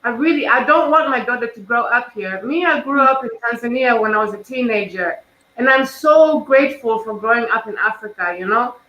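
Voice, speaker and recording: Guest, woman, earnest and emotional, bright voice, roomy sound. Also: on the high side, lo-fi sound. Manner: earnest, emotional, talks in quick bursts. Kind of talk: casual conversation. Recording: echoey room.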